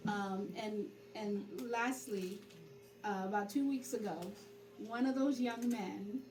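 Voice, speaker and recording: A woman's voice: medium pitch, slow pace. A middle-aged woman born in Haiti, a community organizer, telling her story in an interview. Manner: storytelling, animated when quoting herself. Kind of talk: interview conversation. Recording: roomy, distant mic with background noise.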